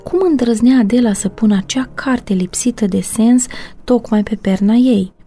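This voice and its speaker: A woman narrating a novel as an audiobook in a steady, measured storytelling manner. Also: fairly high pitch, soft background music.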